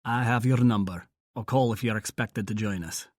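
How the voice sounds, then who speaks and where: A man voicing a centuries-old Scottish vampire warrior, low and wry. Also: moderate pace, a little mellow, no room sound, clean studio sound, natural voice. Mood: brisk.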